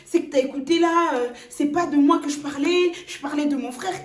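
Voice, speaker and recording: A woman's voice: high voice, a little fast, natural voice. A woman voicing a young man who brushes off his lies, dismissive and self-justifying. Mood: pleading. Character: young man, smug two-timing fiancé. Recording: roomy echo.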